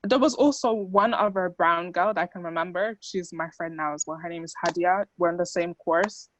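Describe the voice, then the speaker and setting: Talking fairly quickly in a fairly low voice, a young student speaker raised in the Netherlands, a native Dutch speaker, delivers a chatty talk packed with fillers. The audio is poor and lacks any room sound.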